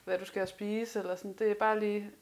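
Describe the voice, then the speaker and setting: A woman's voice: medium pitch, little pitch movement, darkish tone. Chatty woman podcast host. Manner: chatty, quick asides, frequent "mm" backchannel. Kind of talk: casual interview chat.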